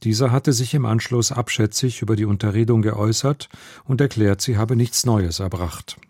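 Male newsreader, formal and measured, low mellow voice, dry studio sound. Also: dry recording. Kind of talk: scripted radio news reading. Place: radio studio.

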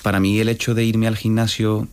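A man's voice: on the low side, little pitch movement, brisk, darkish tone, smooth. A man speaking as an interview guest, telling anecdotes in a reflective manner. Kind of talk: interview conversation.

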